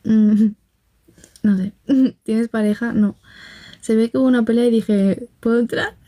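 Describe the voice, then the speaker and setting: A woman's voice: fairly high pitch, steady tone, a little slow, dark tone. A young woman from Spain with a Barcelona accent, chatting casually on a phone livestream, telling gossipy stories, laughing often and greeting viewers. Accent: Spanish from Barcelona. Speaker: livestream host. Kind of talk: casual livestream chat, reading comments.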